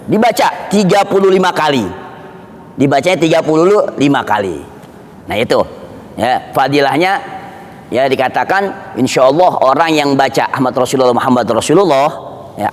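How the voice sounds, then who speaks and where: High-voiced Betawi preacher in a hall. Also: male voice, a little hiss or hum. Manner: call-and-response questions, repeats dhikr phrases slowly. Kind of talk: sermon. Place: mosque.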